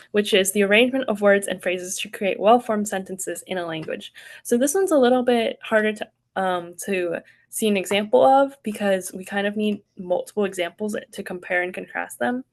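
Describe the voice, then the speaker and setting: A young woman teaches writing in an online workshop, speaking casually and upbeat and filling pauses with ums and likes. Her voice sits at an ordinary middle pitch for a woman and comes through a video call.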